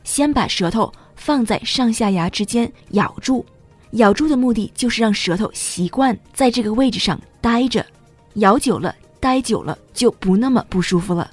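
A woman's voice: on the high side, animated, moderate pace, husky, soft background music. A woman teaching English pronunciation in a patient, step-by-step scripted narration, switching between two languages.

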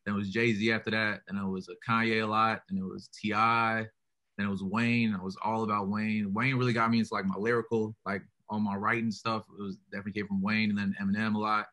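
Being interviewed about his music, a young rapper talks quickly in a deep, bright-edged voice with little variation in pitch. Every sentence is loaded with "like" and "you know," and his manner is easygoing and laid back.

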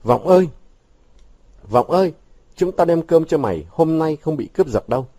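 A man's voice: on the high side, expressive, normal speed, dark tone, no echo, voice pushed up. A man reading aloud, voicing a caring, anxious village boy calling for his friend. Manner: calling out, worried.

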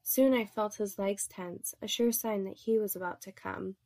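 A woman narrating an erotic story in a soft, intimate reading voice. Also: medium pitch, fairly even intonation, moderate pace, vocal fry.

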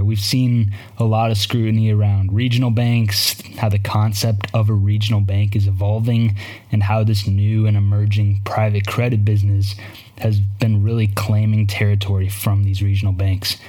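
A man hosting a podcast, giving market commentary in a measured, explanatory way. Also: on the low side, flat delivery, warm tone. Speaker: podcast host.

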